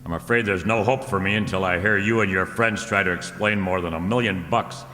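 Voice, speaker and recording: In an old-time radio drama recorded in a hall-like, reverberant space, a man plays a wry, tough private detective. His low, fairly quick, sharp-toned voice delivers sardonic wisecracks.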